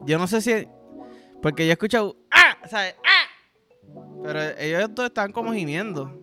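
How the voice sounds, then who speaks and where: Young Puerto Rican male podcast host, crude comic rambler, higher pitch, sharp bright tone. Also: fairly quick, soft background music. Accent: Puerto Rican Spanish. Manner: vulgar, rambling, animated storytelling with sound effects. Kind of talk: crude comedic monologue.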